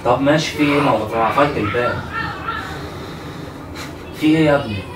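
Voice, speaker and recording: A man's voice: mid-range voice, quick pace. Egyptian young male, concerned and insistent, echoey noisy room recording. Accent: Egyptian Arabic. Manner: worried, pressing questions, comforting. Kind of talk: caught-off-guard conversation. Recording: distant roomy mic with room noise.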